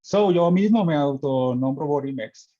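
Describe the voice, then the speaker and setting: A man with a Mexican accent, an internist presenting in a friendly, relaxed way with many fillers. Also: a little high, a little slow. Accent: Mexican Spanish. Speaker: internist and guest speaker. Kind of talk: online medical presentation. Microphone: video call. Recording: muffled video-call audio.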